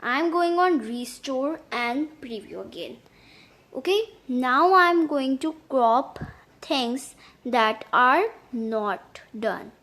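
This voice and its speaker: A woman narrating a step-by-step app tutorial in halting, repetitive phrasing. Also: high-pitched, expressive, fairly bright tone. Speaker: tutorial host.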